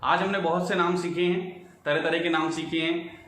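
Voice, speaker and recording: A man's voice: a little high, little pitch movement, normal speed, a bit bright, a little hiss or hum. A man teaching a spelling lesson, spelling words letter by letter and checking that students follow. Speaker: English teacher. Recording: echoey room from a distance.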